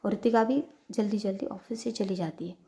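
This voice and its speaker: A woman's voice: medium pitch, brisk, dark tone. A woman narrating a romance story in a conversational, filler-heavy storytelling manner.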